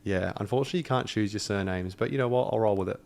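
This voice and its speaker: An Australian man in his thirties, a podcast guest chatting casually, relaxed and jokey. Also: fairly low pitch, racing, gravelly. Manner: relaxed, jokey, laughs often.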